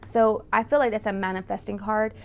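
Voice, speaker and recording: Speaking briskly at medium pitch with fairly even intonation, a tarot reader and channel host chats casually through a reading for her viewers. She sits close to the microphone and keeps dropping "right?" and "you know" in her informal way.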